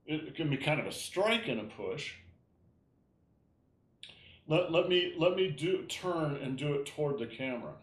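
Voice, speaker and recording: A man teaching an online tai chi class, explaining gently and often checking in with "all right?". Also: a little high, expressive, normal speed, pauses often. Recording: roomy echo.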